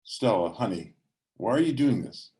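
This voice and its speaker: A man voicing a gentle, saddened husband who pleads softly and reassures his wife. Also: lowish voice, animated, normal speed, lightly acted. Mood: pleading. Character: gentle pleading husband, sad but patient.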